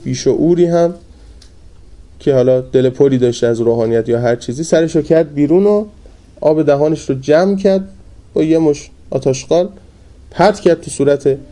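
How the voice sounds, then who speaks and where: A man preaching a sermon in a colloquial storytelling manner. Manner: colloquial storytelling with lively pitch swings.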